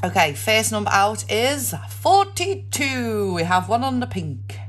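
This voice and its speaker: A woman's voice: fairly high pitch, big pitch swings, unhurried. A woman calling out numbers playfully in the manner of a bingo caller, with traditional rhyming nicknames. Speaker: host of a scratch card video.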